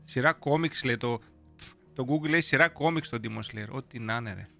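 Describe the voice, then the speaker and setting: A man's voice: medium pitch, gravelly, bright, forceful tone. A young man hosting a casual live stream, playful and slangy, chatting with viewers and reading their messages aloud. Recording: faint music behind.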